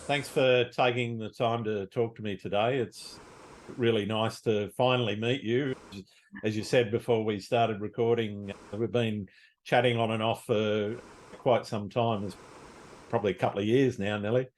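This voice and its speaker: A man hosting a podcast, asking friendly questions in a relaxed way. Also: lowish voice, moderate pace. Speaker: podcast host. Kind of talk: casual podcast interview.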